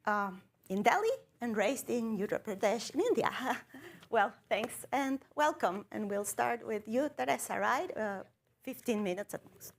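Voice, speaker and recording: Middle-aged woman conference moderator, slightly high voice, formal with fillers. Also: lively intonation, unhurried, gravelly. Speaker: panel moderator. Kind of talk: conference panel introduction. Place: conference room.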